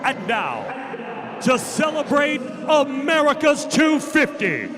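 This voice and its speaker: A male ringmaster at a live fight event, pitched very high and swooping widely. He booms and shouts like a showman, stretching his words out for effect. A loud crowd surrounds his voice. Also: wildly swooping pitch, takes it slowly. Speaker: ring announcer. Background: crowd noise.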